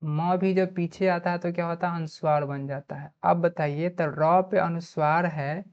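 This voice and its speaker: A lowish, darkish female voice with fairly even intonation and a normal pace leads an online grammar lesson in a Bihari Hindi accent. She asks questions and answers them herself, spelling words out letter by letter. The recording is dull and lo-fi.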